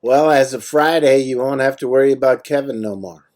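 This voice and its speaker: On a casual personal phone call, an American-accented man talks in short, plain sentences with a laid-back, matter-of-fact manner. His mid-range voice is a little fast and a little mellow.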